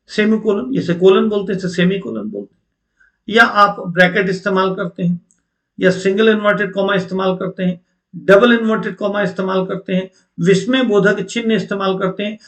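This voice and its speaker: High-voiced man teaching an exam class. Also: fairly even intonation, moderate pace, sharp tone. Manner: explanatory, addresses students directly with rhetorical questions. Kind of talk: online exam-prep lecture.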